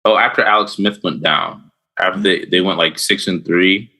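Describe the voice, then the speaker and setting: A man's voice: low-pitched, moderate pace, sharp tone. A man co-hosting a podcast in casual chat, laid-back, telling stories with voiced asides. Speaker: podcast co-host.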